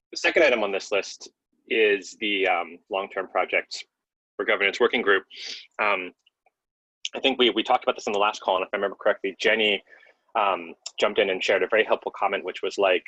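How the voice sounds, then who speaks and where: A man's voice: lowish voice, sharp tone, husky, no echo. A man in a casual video-call meeting, talking with many fillers while he eats breakfast. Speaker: working group participant. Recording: dull lo-fi call audio.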